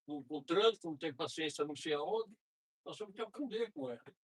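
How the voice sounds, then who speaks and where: A middle-aged Brazilian man lecturing at a spiritist center in a conversational way, slowing down to read prayers aloud. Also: on the high side, expressive, fairly bright tone, slightly rough, poor audio. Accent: Brazilian Portuguese. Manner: conversational, frequent tag questions, slows to read prayers. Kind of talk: informal spiritist talk.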